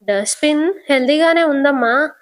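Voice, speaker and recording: A woman voicing an angry middle-aged father who shouts and lectures his daughter. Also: high-pitched, moderate pace, voice pushed up, natural voice. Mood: angry scolding.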